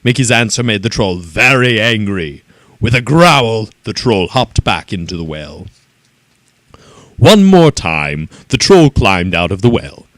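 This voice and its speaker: Male storyteller, lowish voice, animated reading, dry close sound. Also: unhurried, dry recording. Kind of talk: children's story read-aloud.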